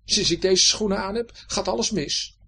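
A man voicing an upset, misunderstood schoolboy in a children's story, high and plaintive. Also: moderate pace, pushed and bright, breathy edge, heavily acted.

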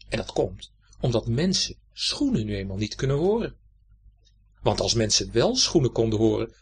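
A man reading a children's story aloud in an expressive, lilting storytelling manner. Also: medium pitch, slight background noise.

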